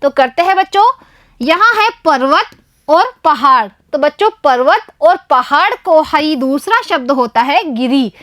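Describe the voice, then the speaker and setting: A woman's voice: sits high, animated, a little slow, fairly bright tone, dry recording, clean studio sound. A woman with an Indian accent, a primary school teacher explaining a Hindi lesson to young children, asking questions and answering them herself. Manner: keeps addressing the children, asks and answers her own questions.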